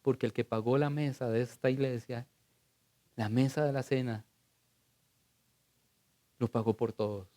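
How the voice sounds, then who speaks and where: A middle-aged male pastor, preaching a sermon in a church. He tells stories in a conversational way and swings between loud and hushed. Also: mid-range voice, steady tone, unhurried, pauses often.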